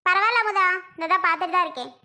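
A woman's voice: extremely high pitch, very fast, pushed and bright, heavily acted. A woman putting on a curt, cold sister-in-law. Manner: curt, dismissive. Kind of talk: cartoon voice acting.

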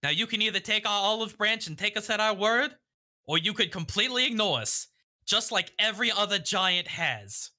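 Bright, high-voiced man, earnest player. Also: animated, normal speed. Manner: earnest, defiant. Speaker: tabletop role-playing player. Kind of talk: impassioned in-character argument.

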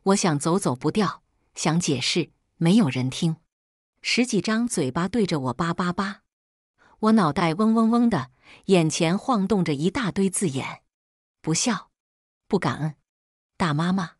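Husky, expressive woman storyteller. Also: on the low side, a little slow, no room sound, clean studio sound. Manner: emotive first-person storytelling. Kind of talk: scripted narration.

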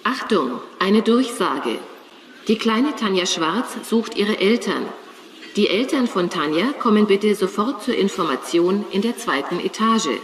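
A woman acting a formal public-address announcer, reading scripted announcements clearly. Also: medium pitch, lively intonation, unhurried, noisy background, lightly acted. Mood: formal, alerting.

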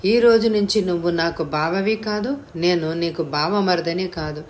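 A woman's voice: lowish voice, measured pace, a little hiss or hum, natural voice. Woman voicing a bullying older rich man. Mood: furious. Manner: scolding, bullying. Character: hot-tempered heavyset bald older rich man.

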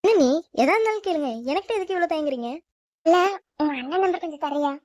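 A woman's voice: extremely high pitch, expressive, fast, a little mellow, no room sound, clean studio sound. A woman voicing a carefree young sister-in-law in a cartoon. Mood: hurried.

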